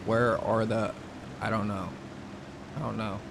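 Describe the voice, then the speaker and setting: A man's voice: on the low side, flat delivery, unhurried, vocal fry, noisy background. Laid-back slangy male streamer. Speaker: game streamer. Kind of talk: casual live-stream chat.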